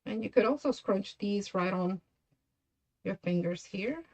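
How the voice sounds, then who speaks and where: A woman's voice: mid-range voice, animated, unhurried, darkish tone. A woman hosting a craft tutorial, chatting casually with viewers by name and laughing often. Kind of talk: casual livestream crafting chat.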